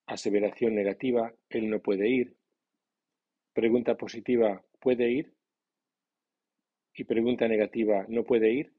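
A man narrating a scripted language lesson, reading out example sentences slowly and with careful stress. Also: on the low side, mellow, breathy edge, no room sound, dull audio. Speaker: English teacher.

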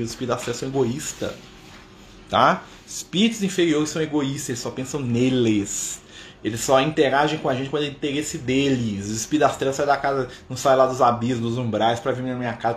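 A Brazilian man leading an informal live spiritist study, talking conversationally with rhetorical questions and frequent tag questions. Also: medium pitch. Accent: Brazilian Portuguese. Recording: echoey room with faint noise.

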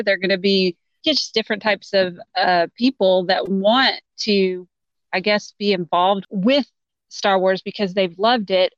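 A woman with a Southern Texan accent talks as a podcast guest, easygoing and quick to laugh. Her audio sounds slightly dull and muffled. It is dry, with no room sound. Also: on the low side, no room sound. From Texas. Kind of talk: casual podcast chat.

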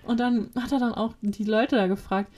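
A woman's voice: on the high side, fairly even intonation, normal speed, darkish tone, a little hiss or hum. A young woman co-hosting a casual podcast chat, telling a story animatedly and acting out quotes. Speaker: podcast co-host.

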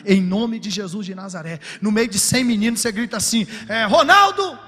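A man preaching a sermon, swinging between shouted fervor and low, confiding talk. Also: fairly quick. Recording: music under, long hall reverb.

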